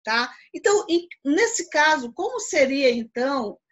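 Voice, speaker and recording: A woman's voice: high voice, big pitch swings, a little slow. A Brazilian Portuguese woman teaching philosophy over a video call, explaining patiently and checking understanding often. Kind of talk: live online class.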